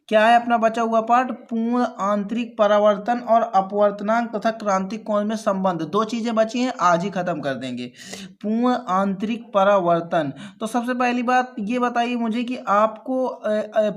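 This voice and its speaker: A man teaching a physics class, asking his students questions and answering them himself. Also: high voice. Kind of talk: Hindi physics lesson for students.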